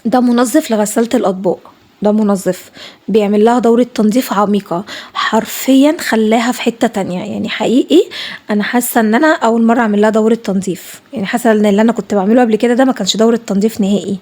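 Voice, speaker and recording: Her Egyptian Arabic accent comes through as she chats over her own cleaning footage, speaking quickly, emphatically and repetitively. The voice is a little high and a little mellow.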